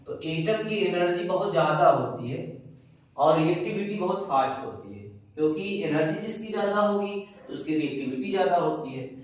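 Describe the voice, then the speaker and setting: A male teacher giving a chemistry lecture, dictating slowly phrase by phrase and repeating key words as he asks and answers his own questions. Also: a little high, expressive. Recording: very echoey room, voice from far off the mic.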